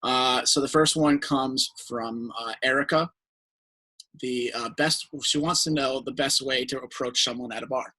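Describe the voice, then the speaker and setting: Husky young man, bright rambling chat. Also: medium pitch, steady tone, unhurried, rough recording. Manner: rambling, filler-heavy, laughs often. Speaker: podcast host. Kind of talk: casual chat.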